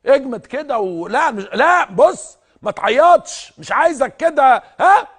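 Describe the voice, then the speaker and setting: A firm, exhorting Egyptian man speaks in a strikingly high voice and urges others to harden up. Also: big pitch swings, moderate pace, fairly bright tone, slight background noise, exaggerated voice. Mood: stern. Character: stern man telling others to toughen up.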